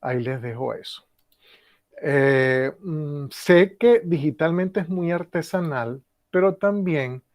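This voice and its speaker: A man gives an online lecture in a fairly high voice. He explains step by step, stumbling over fillers and restating his points as he checks in with his students. The sound is dry and close to the mic. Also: no room sound. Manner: explanatory, repeats and rephrases, frequent "eh" and "mm" fillers; stresses key phrases, asks students "¿Ok?" and "¿Lo ven?". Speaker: university lecturer. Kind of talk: online class lecture with screen share.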